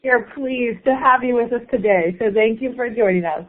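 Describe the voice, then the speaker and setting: A woman's voice: on the high side, normal speed. A woman hosting a webinar, reading out a speaker introduction in an upbeat way. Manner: upbeat, laughs at own slips. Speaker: webinar host. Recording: phone-like webinar audio.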